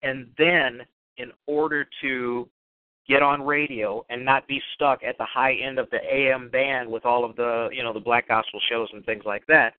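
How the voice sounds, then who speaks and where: A man's voice: medium pitch, flat delivery, moderate pace, smooth, dry recording. A man from Chicago's South Side hosting a radio interview, with a learned general American newscaster accent and a chatty, rambling manner full of restarts. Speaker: radio host. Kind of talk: casual interview. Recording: dry phone-line audio.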